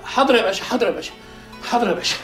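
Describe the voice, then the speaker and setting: A man's voice: very high-pitched, reverberant, recorded from a distance, over music. A flustered Egyptian tea-boy. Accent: Egyptian Arabic. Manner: rapid, pleading, stammering. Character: humble male office tea-boy, flustered.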